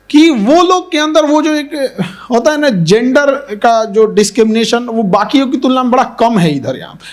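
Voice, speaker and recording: Addressing students in a very high-pitched male voice, a teacher gives a sincere motivational talk, returning to his main points and sprinkling in English phrases.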